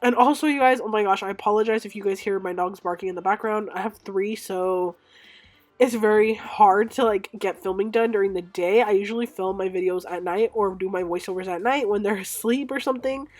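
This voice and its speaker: Sick and stuffed-up, a young woman with a medium-pitched voice narrates a casual nail tutorial from home. She creates nail art. Her chatty voice-over is full of ums and self-corrections.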